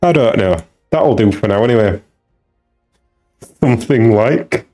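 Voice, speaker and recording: A man's voice: lowish voice, animated, a little fast, a little mellow, soft background music. A man giving casual, musing commentary while streaming a video game, talking half to himself as he tinkers with settings.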